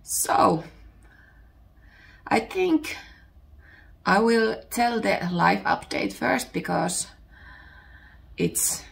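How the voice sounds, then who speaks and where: In a casual at-home podcast chat, a Finnish woman in her thirties with a Finnish accent pauses to search for words, her voice on the mend after illness. Her voice is mid-range and a bit bright, with vocal fry.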